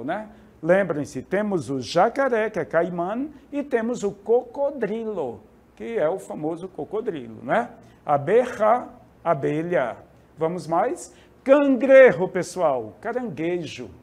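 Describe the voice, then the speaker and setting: A man from Brazil teaching Spanish vocabulary in a classroom lesson, lively and often asking the class for agreement. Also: high voice.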